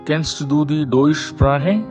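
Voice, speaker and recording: A man teaching a beginner German lesson, reading a short dialogue and saying every line twice, slowly and carefully, for learners. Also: on the high side, music in the background. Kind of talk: slow repeated lesson dialogue.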